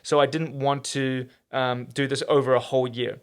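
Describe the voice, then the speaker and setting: A man hosting a podcast, chatting casually and quickly with plenty of fillers and restarts. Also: mid-range voice, clear, resonant tone. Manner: fast, animated, lots of fillers and restarts. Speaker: podcast host and trainer.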